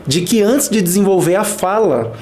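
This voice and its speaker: A man's voice: sits high, lively intonation, normal speed, a little mellow, slight background noise. A man reflecting in a podcast conversation, hesitant and searching for words.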